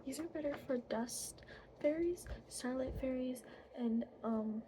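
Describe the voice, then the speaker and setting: A high, breathy woman's voice in an ASMR role-play as she acts out a friendly, apologetic fairy. She takes her time, pausing hesitantly between casual phrases. Noticeable noise sits behind the soft delivery. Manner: hesitant, informal, many trailing pauses. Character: friendly, apologetic young fairy guiding a newly hatched fairy. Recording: clearly audible background noise.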